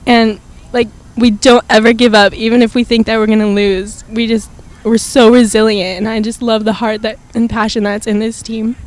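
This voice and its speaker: A teenage girl player speaks earnestly. Her pitch barely moves, so the delivery sounds level. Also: level tone, moderate pace. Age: teens. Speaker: high school soccer player.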